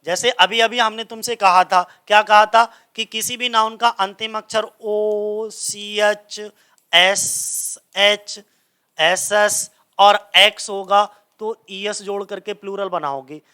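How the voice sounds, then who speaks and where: A man's voice: sits high, fairly even intonation, slow, bright, forceful tone, smooth. A man teaching English grammar in a coaching class, speaking. He keeps asking the class a question and then answering it himself.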